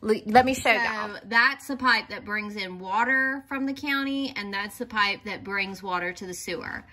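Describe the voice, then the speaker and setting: A woman's voice: mid-range voice, moderate pace, sharp tone. A woman vlogging her house renovation, talking through her doubts in an uncertain, worried way. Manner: uncertain, worried thinking aloud. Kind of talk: casual vlog narration.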